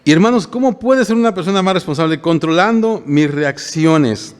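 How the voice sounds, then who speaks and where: A man's voice: fairly high pitch, lively intonation, normal speed, smooth, in a large hall. An older male pastor preaching a homely, conversational sermon to his congregation and often checking in with them. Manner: homely, plain-spoken, often asks the congregation "¿verdad?".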